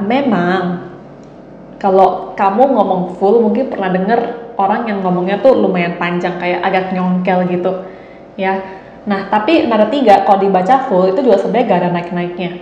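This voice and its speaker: A young woman from Indonesia hosting a casual Mandarin lesson, chatting along and demonstrating tones with drawn-out syllables. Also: mid-range voice, mellow. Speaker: Mandarin teacher, channel host. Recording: slightly dull, roomy, faint hiss.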